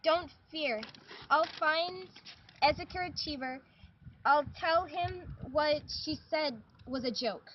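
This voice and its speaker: A woman's voice: sits high, slow pace. A woman playing an indignant, blustering farmer husband in an amateur sock puppet play. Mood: reassuring. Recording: dull, noisy lo-fi home recording.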